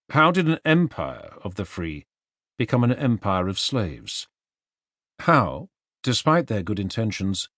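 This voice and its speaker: A male narrator with a medium pitch reads a serious non-fiction audiobook, articulate and emphatic with animated intonation. The sound is close and dry, with no echo.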